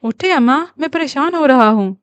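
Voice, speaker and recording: A woman's voice: high-pitched, expressive, smooth, no room sound. Woman reading a caring, worried young husband. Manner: gentle, concerned.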